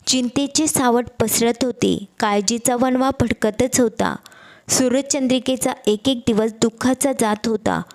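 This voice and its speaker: A woman's voice: fairly high pitch, a little mellow. Woman reading a devotional tale. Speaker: storyteller. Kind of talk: devotional story narration.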